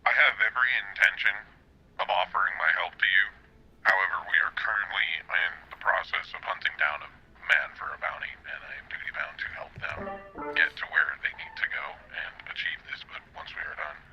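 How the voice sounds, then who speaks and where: A man's voice: low-pitched, fairly even intonation, brisk, a little hiss or hum. A man voicing a formal helmeted warrior at a tabletop game, his voice muffled as if speaking from inside a helmet. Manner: stiff, formal and polite. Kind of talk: in-character tabletop roleplay.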